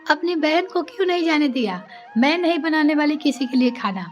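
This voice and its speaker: A woman's voice: high voice, animated, brisk, soft background music. A woman voicing a rude young daughter-in-law who talks back curtly, in a storybook tale. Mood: defiant. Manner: curt, defiant.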